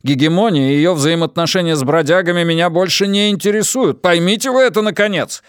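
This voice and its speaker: A man as embittered space diplomat, indignant, forceful, pitched up, exclaiming, dry close audiobook sound. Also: big pitch swings, a little slow, clean tone, no room sound. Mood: exasperated. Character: agitated, bitter male diplomat, the Consul of a space epic. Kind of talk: dramatised audiobook reading.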